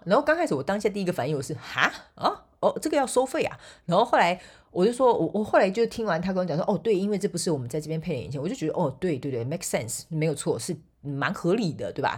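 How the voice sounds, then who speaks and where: A woman's voice: low voice, animated, racing, slightly rough. A woman from Taiwan with a Taiwanese Mandarin accent, hosting a solo podcast and telling a story in a chatty way, laughing often and groping for words. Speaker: podcast host and motivational speaker.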